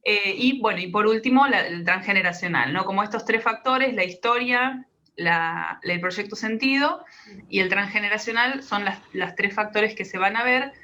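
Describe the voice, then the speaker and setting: Bright-voiced woman explaining patiently. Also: mid-range voice, normal speed, a little hiss or hum. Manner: calm, patient, explains step by step. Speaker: guest, biodecoding practitioner. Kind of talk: explanatory interview talk.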